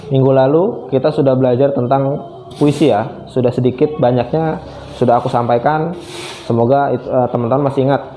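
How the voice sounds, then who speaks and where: A man's voice: medium pitch, dark tone, slight background noise. A man who is a primary school teacher, giving a friendly, chatty online lesson to children and often starting phrases with a filler.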